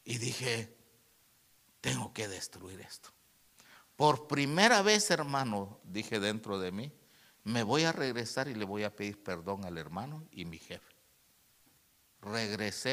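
Male pastor, bright and forceful tone, storytelling sermon with loud-to-hushed swings. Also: mid-range voice. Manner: storytelling preacher, addresses listeners as "hermano", swings from loud to hushed.

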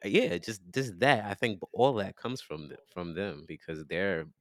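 Deep man, laid-back and expressive. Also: unhurried, no room sound, clean studio sound. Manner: laid-back, laughs and sighs often. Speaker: podcast co-host. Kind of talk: casual chat.

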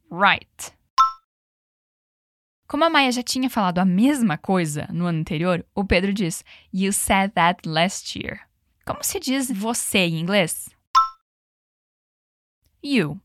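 A woman's voice: on the high side, a bit bright, no room sound, clean studio sound. Patient woman teaching English drills. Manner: patient, slows down on English phrases. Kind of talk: language lesson with repeat-after-me drills.

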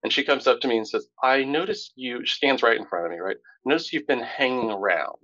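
A man from Tampa co-hosting a podcast, telling a story in an animated, casual way that climbs in pitch when indignant. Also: a little fast, dry recording, highs cut off. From Tampa, Florida. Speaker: podcast co-host.

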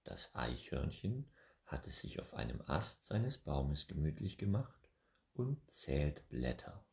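A man reading a children's picture book aloud, expressive and unhurried. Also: gravelly. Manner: slow, expressive, lively pitch. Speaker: storyteller.

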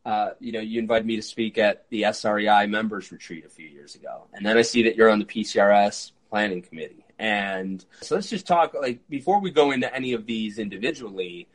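Low-voiced man hosting an interview. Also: rough recording. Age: 30s. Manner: eager, quick talker with frequent fillers. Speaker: podcast host. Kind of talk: conversational interview.

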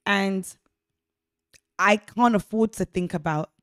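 A woman's voice: mid-range voice, takes it slowly, dry recording. Chatty woman in her thirties, dry sound. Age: 30s. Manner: chatty, expressive, laughs often. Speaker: podcast co-host. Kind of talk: casual faith discussion.

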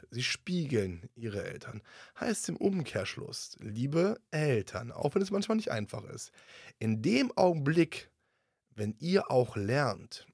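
A man's voice: medium pitch, a little mellow, breathy edge, dry recording. A man hosting an interview, talking emphatically, repeating key words and summing up points. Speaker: podcast host. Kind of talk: conversational podcast interview. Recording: dry, close sound.

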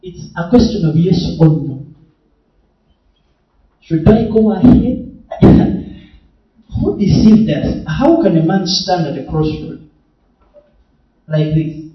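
A man's voice: on the high side, sing-song, slow pace, long pauses, dull audio. A young man preaching at a retreat Q&A, exhorting the audience directly and laughing often. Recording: echoey hall, mic far off.

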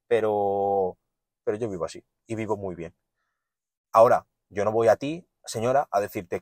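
A man's voice: fairly low pitch, dry recording. A man telling stories in a casual monologue, blunt and profane, acting out the people in them. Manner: blunt, profane, animated storytelling. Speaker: podcast host.

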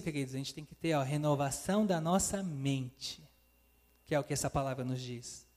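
This evangelist speaks in a high, somewhat mellow voice, addressing the congregation as "queridos" and voicing God's lines as quotations. Long reverb from the hall surrounds his sermon.

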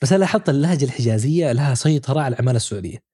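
A man's voice: mid-range voice, expressive, rapid-fire, dark tone, breathy edge, no echo, studio quality. A man hosting a podcast, chatting casually and putting questions and counterpoints to his guest. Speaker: podcast host. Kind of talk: casual chat.

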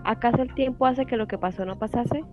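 A woman's voice: a little high, a little fast, natural voice. A jealous, bitter wife of fifty, relentless and accusing, as a woman reads her. The audio is dull and lo-fi. Faint music plays underneath. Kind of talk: audiobook dialogue reading.

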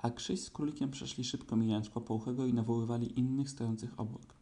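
A man narrating a children's storybook in a calm, even manner. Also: mid-range voice, fast. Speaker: audiobook narrator. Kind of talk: storybook reading.

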